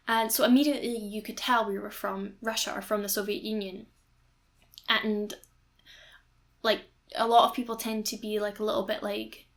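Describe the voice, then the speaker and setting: A woman's voice: fairly high pitch, fairly bright tone. A young woman, chatting enthusiastically over a game build video as a YouTuber. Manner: chatty and enthusiastic, rambling storytelling.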